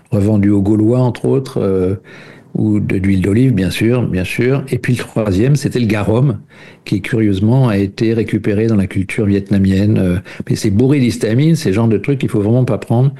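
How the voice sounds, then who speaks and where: Dark-voiced man explaining nutrition. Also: lowish voice. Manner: explanatory, many fillers, cites studies. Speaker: nutrition expert guest. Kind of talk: radio talk explanation.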